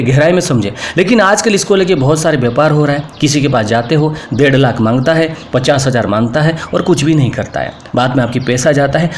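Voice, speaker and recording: A man's voice: medium pitch, slight background noise. A man with an Indian accent, a spiritual teacher, giving an earnest, informal spoken lesson to camera and often repeating himself. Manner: earnest, repetitive, mixes English words into speech.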